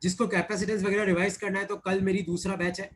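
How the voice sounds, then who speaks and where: A man's voice: high-pitched, flat delivery, fast. A man teaching physics in an online class, explaining step by step, repeating key points and teasing his students.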